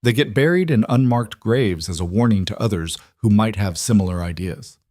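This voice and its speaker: A man's voice: on the low side, lively intonation, moderate pace, darkish tone, no echo, clean studio sound. A man playing a stern, ruthless cattle baron who talks in clipped, curt sentences.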